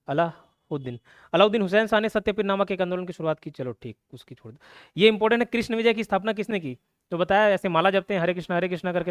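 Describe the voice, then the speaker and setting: Male exam tutor, young, raised voice pitch, dry close sound, playful mnemonic style, constant check-ins. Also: no echo. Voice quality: chatty, repeats check-ins like "okay" and "clear". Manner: playful mnemonics, laughs at own jokes. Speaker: exam coaching teacher. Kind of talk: casual classroom lecture.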